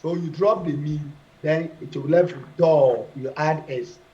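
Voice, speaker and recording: A man teaching French verbs to a classroom, slow and deliberate, repeating each form and firing questions at the class. His voice sits a bit high, and the recording sounds muffled and lo-fi. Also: a little mellow.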